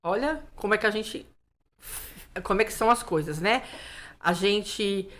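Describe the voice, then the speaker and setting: A woman's voice: medium pitch, measured pace. A woman pastor, telling her testimony in a casual interview and acting out the dialogue. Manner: lively storyteller who acts out dialogue, many "né" fillers. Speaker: pastor, guest.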